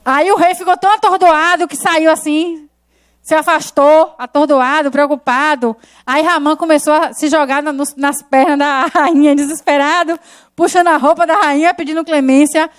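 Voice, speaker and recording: A woman preacher retelling a Bible story in a lively sermon, often putting rhetorical questions to the congregation. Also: sits high, moderate pace.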